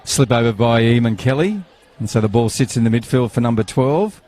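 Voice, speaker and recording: A man's voice: mid-range voice, animated, a little fast, darkish tone, a little hiss or hum. A man, commentating live on a football match outdoors, chatty and rambling, with banter and fillers.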